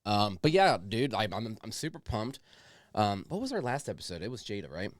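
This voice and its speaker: A man's voice: fairly low pitch, very animated, brisk, dry recording, clean studio sound. A man hosting a casual podcast, rambling along in slangy, profane chat. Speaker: podcast host.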